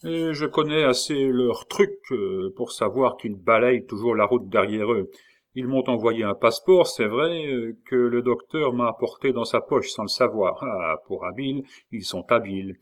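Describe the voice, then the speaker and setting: A man's voice: mid-range voice, lively intonation, moderate pace, close to an everyday voice. A man reading aloud and voicing a sly, jovial male tavern-keeper and convict who talks in a familiar, mocking way. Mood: boisterous, scheming.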